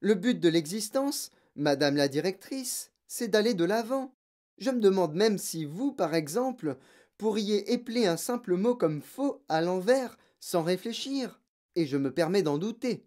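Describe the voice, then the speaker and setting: A narrator voicing a gentle young schoolteacher in an audiobook, speaking patiently and firmly. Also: mid-range voice, expressive, measured pace, voice pushed up, natural voice. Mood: earnest. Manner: patient, firm, softly reasoning. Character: gentle young female teacher, calm and principled. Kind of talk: audiobook character voice.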